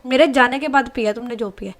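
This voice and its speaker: In a spoken love story, a woman narrator puts on the voice of a bossy young woman who scolds and presses with firm questions. The voice is fairly high and close to the narrator's own, steady and quick, and only lightly acted.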